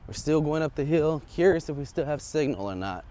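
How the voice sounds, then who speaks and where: A man's voice: fairly high pitch, lively intonation, fairly quick, warm tone. A man chatting informally and thinking aloud as he records an unscripted vlog outdoors on a clip-on wireless lavalier. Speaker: vlogger testing audio gear. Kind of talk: casual unscripted vlog chat. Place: outdoors, walking up a residential street. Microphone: wireless lavalier clipped to shirt.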